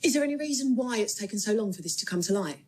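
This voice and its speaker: An actress playing a sceptical senior detective, curt, questioning and authoritative. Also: female voice, medium pitch, expressive, very fast, darkish tone, close to an everyday voice. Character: sceptical, commanding female police boss. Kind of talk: TV crime drama dialogue.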